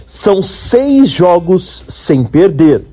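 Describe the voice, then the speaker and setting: A man's voice: high voice, very animated, extremely slow, background noise. A Brazilian man giving a sports report on the radio.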